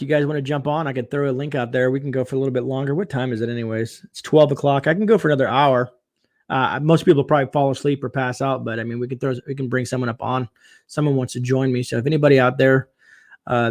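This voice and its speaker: Reading viewer comments during a late-night livestream, a man talks fast in a loose, chatty way packed with fillers. His pitch sits in the ordinary middle range with fairly even intonation, and hoarseness is creeping into his voice.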